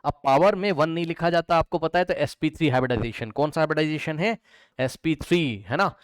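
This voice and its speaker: A man's voice: on the high side, quick pace, clear, resonant tone, no echo. A man teaching chemistry to students in a lecture, who asks questions and answers them himself and repeats the key terms.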